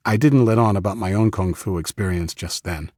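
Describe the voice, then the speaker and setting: A man with a very low, husky voice reads an audiobook in first person. His delivery is steady and measured, close to the mic in a dry space. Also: no echo. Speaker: audiobook narrator.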